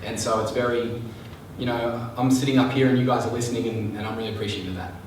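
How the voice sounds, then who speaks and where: A man's voice: mid-range voice, steady tone, fast talker. A man in a mid-range voice runs a sales seminar for a live audience, chatty and often stopping to check that people follow. He is picked up from a distance in a very echoey room, with a faint hiss behind him. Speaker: sales trainer. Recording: echoey room, mic far off.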